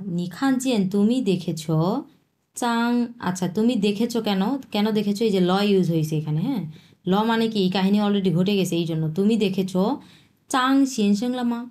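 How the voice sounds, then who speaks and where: A woman's voice: mid-range voice, mellow. Patient woman teaching Chinese. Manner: patient, repeats words slowly and breaks them into tones. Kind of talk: language lesson explaining vocabulary.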